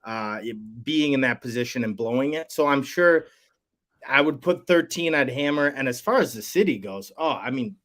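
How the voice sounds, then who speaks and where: A man's voice: medium pitch, animated, moderate pace, a bit bright. A man co-hosting a sports betting show, talking in a rambling, hesitant way with many fillers. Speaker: co-host. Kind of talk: casual sports betting chat.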